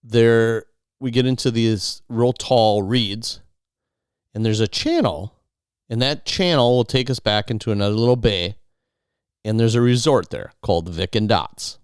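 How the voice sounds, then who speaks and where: A man's voice: mid-range voice, a little slow, smooth, no room sound, studio quality. A man hosting a podcast, telling an outdoor survival story in a casual, rambling way, often restarting and repeating words. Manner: rambling, repeats and restarts words, quotes others in his own voice.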